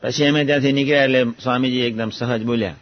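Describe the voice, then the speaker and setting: A man's voice: medium pitch, fairly even intonation, quick pace. Man giving a devotional talk, muffled. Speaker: religious speaker recounting a guru's teachings. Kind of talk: devotional discourse. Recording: muffled lo-fi recording.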